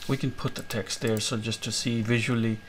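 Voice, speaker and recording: A man hosting a screen-recorded coding tutorial, explaining each step in a relaxed way with many fillers. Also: mid-range voice, a little fast, a little hiss or hum. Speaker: tutorial host.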